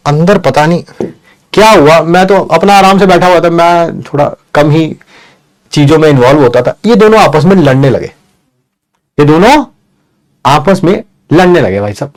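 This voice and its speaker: A man telling a funny childhood story to students in a lively way, checking in with the listeners often. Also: on the high side, moderate pace. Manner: lively, addresses listeners with "bhai sahab" and "hai na". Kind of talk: animated storytelling.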